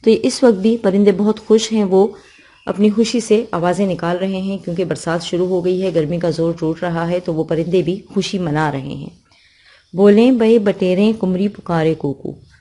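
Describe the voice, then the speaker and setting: A woman's voice: fairly low pitch, steady tone, mellow. A woman teacher from Pakistan with a Pakistani accent, reciting verses of a poem and explaining them line by line in a school lesson.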